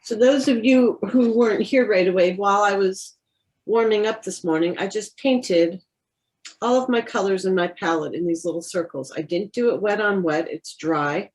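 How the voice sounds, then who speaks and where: A woman's voice: medium pitch, moderate pace, darkish tone, rough recording. A woman teaching a beginner watercolor class, explaining technique in a patient, practical and encouraging way. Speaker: watercolor instructor. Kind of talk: live painting class instruction.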